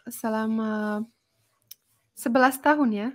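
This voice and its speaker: Higher-voiced Finnish woman speaking fluent Indonesian as a foreigner. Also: slow pace. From Finland. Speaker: interview guest. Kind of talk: casual chat in a learned language.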